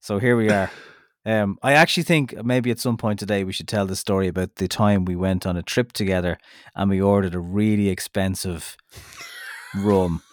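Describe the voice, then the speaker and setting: A man's voice: sits low, brisk, no room sound, studio quality. An Irish man co-hosting a motoring podcast in easygoing casual chat, steering things along with a practised radio manner. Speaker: podcast co-host, motoring journalist.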